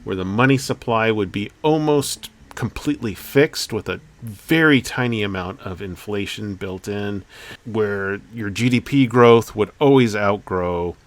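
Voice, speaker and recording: A man hosting an economics channel, explaining in a chatty, energetic way with a few fillers. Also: lowish voice, a little slow. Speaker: channel host. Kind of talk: casual commentary to camera.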